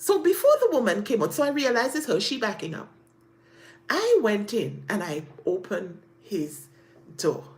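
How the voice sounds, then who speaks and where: A woman recounts her own story as testimony, earnest and faith-filled. Her voice sits a little high and swings widely in pitch as she dramatizes the events. Her delivery is animated and heartfelt. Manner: animated, dramatic retelling with acted quotes. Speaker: channel host sharing personal testimony.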